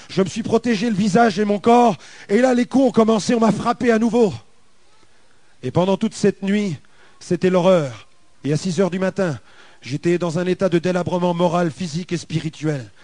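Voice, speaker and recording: A man with a French accent delivers a dramatic personal testimony and leans on emphatic repetition. His voice sits high for a man, and the recording is dry and close. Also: dark tone, no echo. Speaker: testimony speaker.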